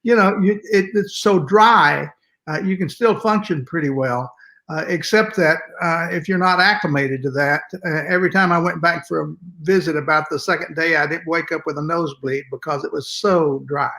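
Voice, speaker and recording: An older man with a West Texas accent and twang, reminiscing conversationally in a folksy, halting way as an interview guest. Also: on the high side, pushed and bright. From West Texas, United States. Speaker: interview guest, music educator.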